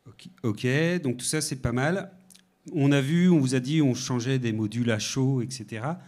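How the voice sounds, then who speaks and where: A man from France co-presents a tech talk in a mid-range voice. He sets up each part of the demo with short questions to his partner. His tone is relaxed and conversational. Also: medium pitch, moderate pace. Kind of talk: conference talk, prompting questions.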